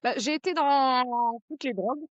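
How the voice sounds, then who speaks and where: A woman's voice: sits high, unhurried, no room sound. A woman in her thirties answering interview questions over the phone, which she holds away from her mouth, so she sounds faint and distant. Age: 30s. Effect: phone held away from the mouth, faint and distant. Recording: muffled lo-fi phone line.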